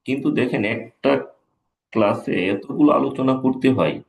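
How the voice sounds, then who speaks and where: A man's voice: medium pitch, moderate pace, creaky, slight background noise. A man, an English teacher, giving a live exam-prep lecture, repeating key points and checking in with his students. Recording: echoey room.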